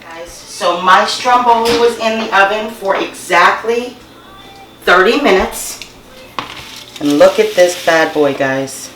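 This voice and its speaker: A woman's voice: lowish voice, reverberant, slight background noise, rough recording. A woman hosting a casual home cooking tutorial, chatting to her viewers and calling them guys. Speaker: cooking channel host. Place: home kitchen.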